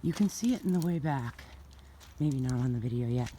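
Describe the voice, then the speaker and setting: A woman's voice: very deep voice, animated, a little fast, warm tone, a little hiss or hum. A woman casually walking through an outdoor cemetery in winter and filming on her phone. She is a little out of breath and thinks aloud as she talks, with many fillers. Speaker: author giving a tour.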